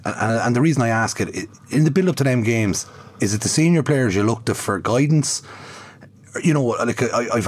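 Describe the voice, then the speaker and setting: Irish male podcast interviewer with a lowish voice, conversational, circling his way into long questions. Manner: roundabout, long-winded questions.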